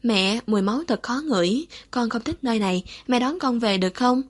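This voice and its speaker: A woman's voice: on the high side, lively intonation, fairly quick. A woman voicing a drugged, tearful young woman who talks like a frightened child, pleading and whimpering.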